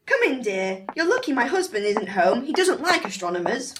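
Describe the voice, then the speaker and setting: A fussy, motherly giant's wife, voiced by a woman with a lively, sing-song voice pitched a little high. Clear hiss and clicks run behind her. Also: normal speed. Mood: fussing. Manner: chatty, fussing.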